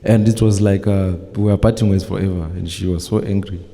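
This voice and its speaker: A man's voice: low voice, fairly even intonation, brisk, creaky, mellow. A man from Zimbabwe, answering a prophet with short, agreeable replies during a church service. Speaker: congregant receiving prophecy. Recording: church hall reverb with congregation.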